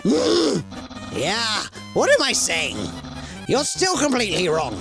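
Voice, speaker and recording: A woman voicing a boastful, excitable male skeleton who dreams of joining the guard, reading his lines theatrically. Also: on the high side, slow, creaky, heavily acted. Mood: deflated. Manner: theatrical, proclaiming reads of game dialogue. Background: game music.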